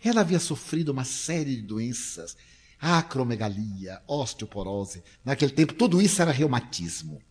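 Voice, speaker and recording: On stage before an audience, an older Brazilian-accented spiritist lecturer tells stories emotionally, speaking dramatically and acting out the people he quotes. His mid-range voice swings widely in pitch at a moderate pace, sounding a little mellow and slightly rough.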